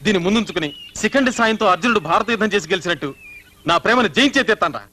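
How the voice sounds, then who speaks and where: A man's voice: high voice, expressive, rapid-fire, sharp tone, faint music behind. An actor playing a brash young man, the brother, in theatrical film dialogue. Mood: eager. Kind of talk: Telugu film acting.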